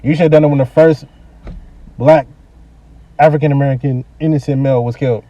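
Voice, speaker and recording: A man's voice: mid-range voice, steady tone, a little fast, dark tone, no echo. Angry blunt man, dull distant mic. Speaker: podcast co-host. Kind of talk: casual heated podcast talk.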